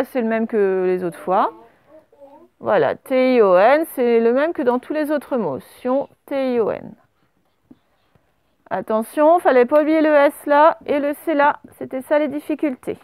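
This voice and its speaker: A woman teacher from France leads a dictation lesson, breaking each word into syllables and naming every letter. Her voice sits high and her pace is unhurried and deliberate. The recording is dry, with no room sound. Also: darkish tone, clean tone, no room sound. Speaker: primary school teacher.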